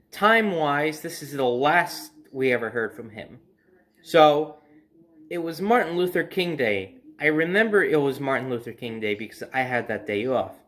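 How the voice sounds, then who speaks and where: Sitting in a room at home beside a window, a young adult man acts as storyteller and host, casually recounting a personal story to the camera. He speaks conversationally and with emphasis, his voice medium in pitch and slightly bright.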